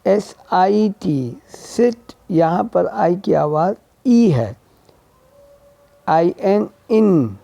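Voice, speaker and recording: A man's voice: high voice, animated, drawn-out words, gravelly, mellow, no echo. A man teaching English vowel sounds, spelling each word letter by letter and repeating it. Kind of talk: slow spelled-out phonetics lesson. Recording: dull lo-fi sound.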